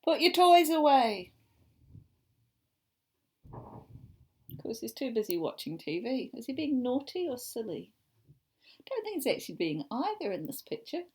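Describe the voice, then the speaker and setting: Casting: New woman, ESOL teacher reading to class, animated pitch, slightly husky. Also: a little fast. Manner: warm questioning, asks the class about the pictures. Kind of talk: reading a picture book aloud to students.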